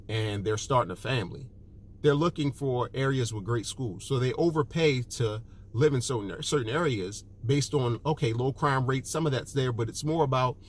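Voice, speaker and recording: A man's voice: mid-range voice, slight background noise. A man, a personal finance author, giving direct advice to the camera, emphatic and repeating his key points with frequent "okay" and "look".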